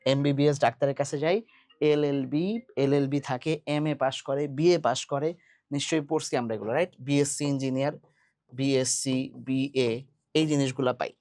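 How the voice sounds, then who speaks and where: A man's voice: medium pitch, fairly even intonation, a little fast, darkish tone, dry recording, clean studio sound. A man teaching English grammar, explaining step by step and quizzing his students with questions. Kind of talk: classroom grammar lesson.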